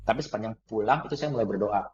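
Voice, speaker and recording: A man telling a personal story in conversation, animated, laughing often and acting out the dialogue. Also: lowish voice, very fast, muffled recording. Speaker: guest trainer.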